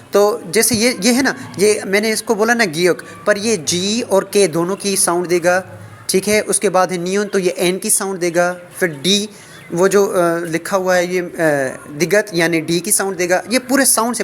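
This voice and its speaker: A man with a Pakistani Urdu accent giving a casual lesson, writing on a board while he talks. He counts aloud and repeats each letter name slowly. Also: high voice, slight background noise. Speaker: language teacher.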